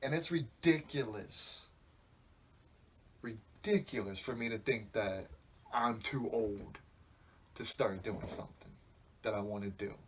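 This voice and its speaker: Young guy in his 20s rambling on a podcast, swears a lot, thinking out loud. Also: fairly low pitch, slow, pauses often, slight background noise. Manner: rambling, profane, reflective. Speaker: podcast host. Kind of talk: casual podcast monologue.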